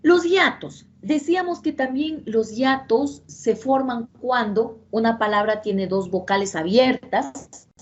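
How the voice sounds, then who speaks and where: Slow, patient woman teacher, lo-fi. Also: fairly high pitch. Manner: slow, repetitive explaining with checking questions. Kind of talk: classroom grammar lesson. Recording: dull lo-fi sound.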